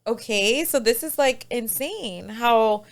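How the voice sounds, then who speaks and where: A woman's voice: on the high side, expressive, takes it slowly. A woman personal trainer as a podcast guest, chatting casually with frequent fillers and giggles.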